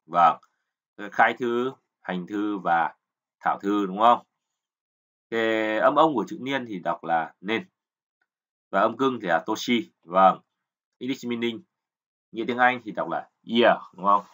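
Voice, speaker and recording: A man's voice: lowish voice, unhurried, pauses often, fairly bright tone. A man teaching kanji, patiently explaining and repeating words, often checking with learners. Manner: keeps asking "right?" to check learners. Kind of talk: explanatory lesson.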